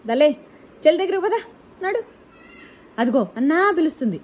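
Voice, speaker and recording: High sing-song mother coaxing her kids. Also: lively intonation, fairly quick, darkish tone, reverberant. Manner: coaxing, sing-song talk to small children. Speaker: mother filming her children. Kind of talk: casual family vlog narration. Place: home indoors.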